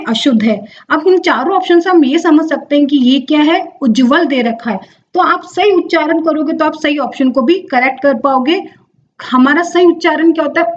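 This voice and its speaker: A woman's voice: high voice, lo-fi sound. A young woman teaching an exam-prep lesson, explaining step by step, drawing out words and answering her own questions. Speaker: Hindi exam tutor.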